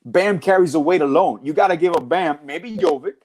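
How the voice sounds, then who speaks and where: A man's voice: on the high side, a little fast, darkish tone. Easygoing male sports podcast host. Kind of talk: casual sports podcast chat.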